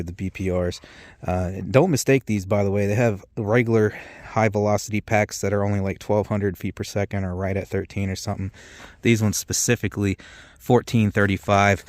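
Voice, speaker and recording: A man's voice: on the low side, a little mellow, dry recording, studio quality. A man hosting a video, explaining products in a casual, rambling, informal way. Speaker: host of an ammunition test channel. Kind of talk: casual product-test commentary.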